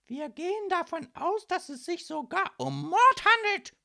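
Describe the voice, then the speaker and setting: A woman voicing a tall young policewoman, shouting in a shrill, domineering way in a storybook reading. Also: animated, measured pace, creaky, heavily acted. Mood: shrill bossy. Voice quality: shrill, barking.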